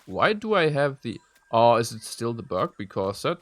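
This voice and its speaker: Sing-song and mid-range, this man's voice keeps a moderate pace as he chats casually on a live game stream. A native German speaker, he rambles through his thoughts and replies to viewer messages as he plays.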